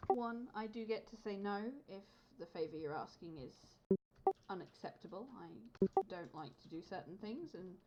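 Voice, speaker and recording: A woman player speaking in character during a tabletop game, formal and measured. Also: medium pitch, animated. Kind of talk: in-character roleplay dialogue. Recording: lo-fi recording with clear background noise.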